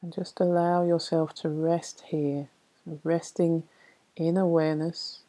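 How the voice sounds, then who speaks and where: Woman, meditation narration, soothing, low-pitched, dark relaxed tone, lingering pauses. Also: poor audio. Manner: soft, soothing, unhurried delivery with long pauses. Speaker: meditation guide. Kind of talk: guided meditation narration, reading a poem.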